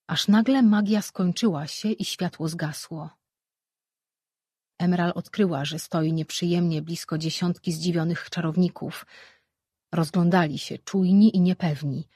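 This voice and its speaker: An audiobook narrator reading a fantasy novel in an even, measured way, close to a studio mic. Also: medium pitch, breathy edge, no echo. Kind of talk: scripted narration.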